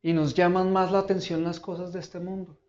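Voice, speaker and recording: A man preaching a sermon as pastor, emphatic, with dramatic pauses and repeated questions. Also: high voice, flat delivery, darkish tone, reverberant, muffled recording. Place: church auditorium.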